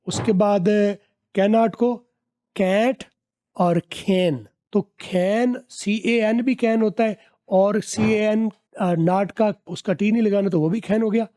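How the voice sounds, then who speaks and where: Man, English teacher, high voice, mellow tone, unhurried lesson, drawn-out repeated examples. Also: fairly even intonation. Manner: slowly drawn-out example phrases, repeating them; asks learners to guess answers. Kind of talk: explaining English pronunciation in Hindi.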